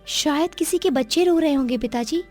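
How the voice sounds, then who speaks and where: A woman plays an outspoken young woman in a cartoon horror story. Her voice sits very high, and she speaks with a confident, questioning edge. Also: moderate pace, darkish tone, faint music behind, close to an everyday voice.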